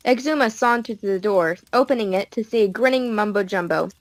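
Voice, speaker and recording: A woman narrating an audiobook in a steady storytelling manner. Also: mid-range voice, brisk, dry recording, rough recording.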